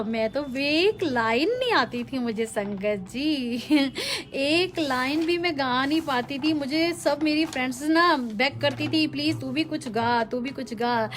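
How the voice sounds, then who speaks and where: Slow-talking woman sharing devotional testimony. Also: high voice. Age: middle-aged. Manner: warm, chatty, mixing English into Hindi. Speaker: satsang speaker. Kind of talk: devotional testimony to a live group. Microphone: phone or webcam.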